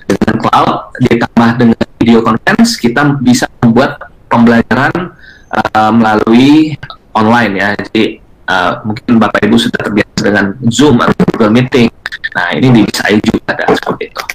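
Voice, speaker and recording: A man's voice: mid-range voice, moderate pace, rough recording. A man presenting a live online webinar, talking in a hesitant way with many filler sounds and polite address to the audience. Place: online video conference.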